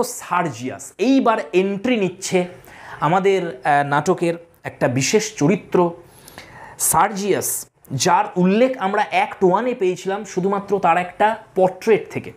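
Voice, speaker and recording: A woman tutor explaining a play line by line, reading each English line slowly and then explaining it. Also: medium pitch, darkish tone.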